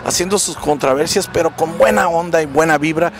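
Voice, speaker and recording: A man interviewing a rock musician live at an outdoor concert event for a rock website, asking long, flattering questions with eager energy. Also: on the high side, brisk. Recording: outdoor recording with loud music behind.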